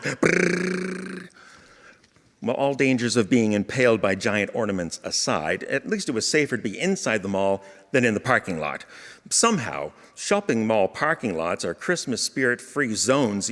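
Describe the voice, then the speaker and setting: A man spins a funny personal story in a playful, wry voice. His pitch swings widely from line to line, and a long hall reverb trails his words.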